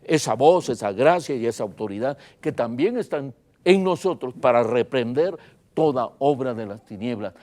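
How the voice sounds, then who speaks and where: A pastor preaching a sermon, emphatic and dramatic, swinging between loud and soft and repeating phrases for emphasis. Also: male voice, expressive, moderate pace. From Guatemala. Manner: emphatic preaching with wide swings in loudness and pitch.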